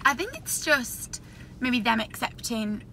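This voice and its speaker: A woman's voice: on the high side, expressive, measured pace, slight background noise. Hesitant young British woman in a car. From United Kingdom. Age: young adult. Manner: hesitant, soft-spoken. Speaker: student, rideshare passenger. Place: inside a car.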